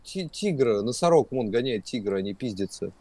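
A man's voice: medium pitch, expressive, normal speed, mellow. A man chatting casually with friends while playing a video game, swearing constantly. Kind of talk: casual gaming chat with friends. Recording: noticeable background noise.

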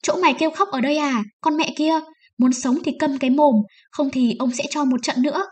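Woman doing a brutal male bailiff, yelling threats, raised and high, storybook reading. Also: steady tone, a little fast, close to an everyday voice. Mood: threatening.

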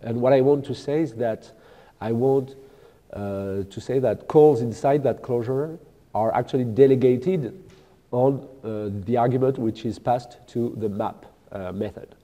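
A man giving a technical keynote talk at a conference, speaking haltingly with many fillers and restarts. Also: medium pitch, dark tone. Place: large lecture hall with audience. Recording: echoey large hall.

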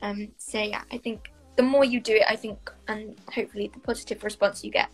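A mid-range, fairly evenly intoned voice moves briskly as a young woman from South Wales, an actress guest with a Welsh accent, answers interview questions over her laptop webcam. Casual and thoughtful, she uses many fillers and hedges from a small bright room, with soft background music and poor audio.

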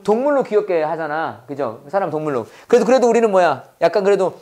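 A man leads an English lesson, his pitch swinging widely as he drills phrases. He fires questions at the class and answers them himself, repeating each phrase for the learners to copy. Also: sing-song, quick pace, darkish tone. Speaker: English teacher.

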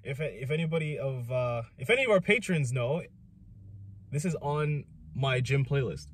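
A man's voice: mid-range voice, animated, normal speed. A man co-hosting a casual music reaction chat, keenly pointing out details in the track. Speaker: reaction video co-host.

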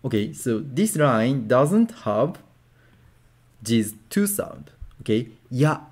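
A man with a Japanese accent teaching a casual language lesson, repeating syllables slowly for drills and saying "okay" often. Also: mid-range voice, very animated, a little mellow, husky.

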